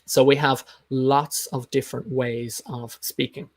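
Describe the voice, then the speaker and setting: Creaky-voiced male English speaking coach. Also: medium pitch, level tone, measured pace, dry recording. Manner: emphatic, instructive, repeats key points. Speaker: English speaking coach hosting a live lesson. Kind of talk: informal live teaching talk, explaining and answering comments.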